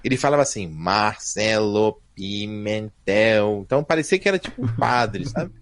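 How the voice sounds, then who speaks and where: A man, telling stories as a podcast guest in a lively, slangy way. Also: medium pitch, rapid-fire, a little hiss or hum. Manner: lively and slangy, voice rising and falling. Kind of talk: casual storytelling chat.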